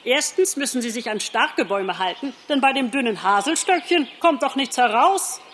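A woman's voice: fairly high pitch, lively intonation, normal speed, fairly bright tone, big-room sound, slight background noise, voice pushed up. A woman voicing a cheerful, teasing woodpecker in an audiobook reading. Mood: merry. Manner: merry, teasing.

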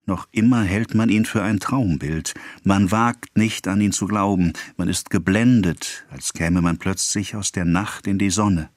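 A man voicing a brooding male seducer, speaking low and hushed in an audiobook reading. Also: unhurried, few pauses, dry recording. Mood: intimate.

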